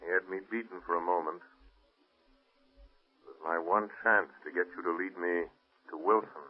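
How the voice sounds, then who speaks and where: The Shadow, husky radio avenger. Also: male voice, low voice, fairly even intonation. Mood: cool, taunting. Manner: deliberate, dramatic delivery. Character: shadowy male crime-fighting avenger, cool, commanding. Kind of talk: 1930s-40s radio drama acting. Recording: muffled, tinny vintage radio recording.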